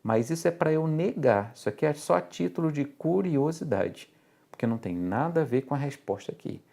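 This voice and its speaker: A man's voice: fairly high pitch, animated, a little fast, creaky, dark tone. A man with a Brazilian Portuguese accent teaching logic for exam prep, explaining step by step and checking in with the class.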